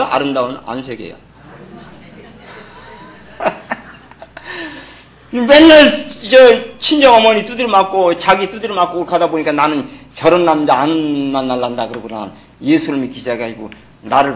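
A middle-aged male pastor delivering a sermon in a blunt, everyday way of talking. He teases and scolds his listeners with plain, earthy remarks, in a mid-pitched man's voice. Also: vocal fry, a little hiss or hum. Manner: blunt, colloquial, teasing and scolding the congregation.

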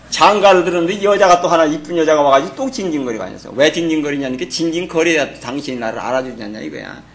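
A man's voice: on the high side, fairly bright tone. Blunt, teasing middle-aged male pastor. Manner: blunt, colloquial, teasing and scolding the congregation. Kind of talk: sermon.

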